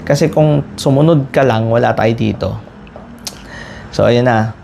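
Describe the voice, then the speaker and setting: A man's voice: mid-range voice, measured pace, gravelly, background noise. A man casually telling a story to his viewers as a cycling vlogger. He talks animatedly and often restarts his sentences, and sounds exasperated about a bike crash. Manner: animated retelling with frequent restarts.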